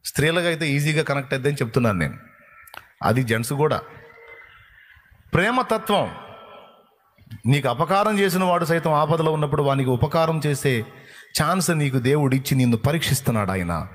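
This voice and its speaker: A man's voice: fairly high pitch, animated, fairly quick, long pauses. Man telling a folksy sermon story. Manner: folksy, vivid storytelling with emphatic lines. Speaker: preacher.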